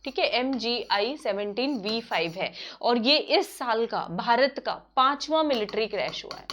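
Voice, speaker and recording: A woman teaching an online exam-prep quiz lesson, talking briskly and repeating key answers with frequent check-ins to her students. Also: on the high side, animated, a bit bright, a little hiss or hum. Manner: brisk and repetitive, often checking in with "theek hai".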